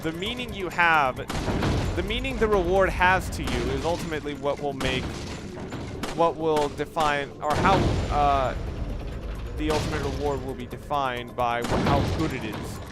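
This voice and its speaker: A man with a voice on the high side gives casual let's play commentary at normal speed. He rambles off the cuff and keeps rephrasing himself mid-sentence. Loud game music and gunfire play behind him.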